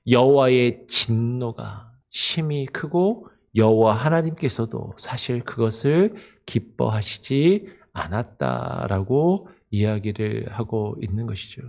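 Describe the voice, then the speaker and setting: Pastor explaining with rhetorical questions. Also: male voice, medium pitch, darkish tone. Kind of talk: early-morning expository sermon.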